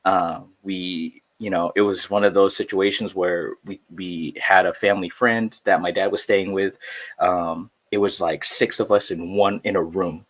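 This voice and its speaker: A man's voice: sits low, fairly even intonation, unhurried, a bit bright. A man from the Philippines raised in San Jose, California, speaking as a guest in a casual podcast conversation, easygoing and full of "you know what I'm saying.". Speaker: podcast guest, artist and musician.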